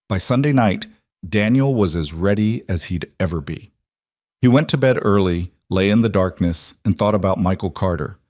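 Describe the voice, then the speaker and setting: A man narrating a drama story in a measured, even manner. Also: on the low side, no echo, clean studio sound.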